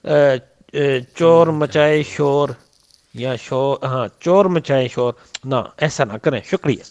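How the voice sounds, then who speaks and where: A man's voice: medium pitch, a little mellow, no room sound. A man in a heated debate over voice messages, combative and repeating his points with rising emphasis.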